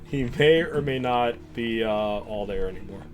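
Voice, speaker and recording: A man's voice: mid-range voice, moderate pace, music in the background. A man streaming a video game, chatting casually and joking with a friend. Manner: joking, laughs often. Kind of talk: casual gameplay chat.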